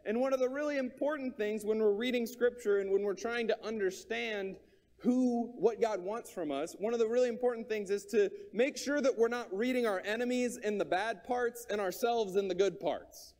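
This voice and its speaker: A man's voice: high-pitched, moderate pace, a little mellow, big-room sound. A man preaching a sermon, earnest and repetitive, thinking aloud with small restarts.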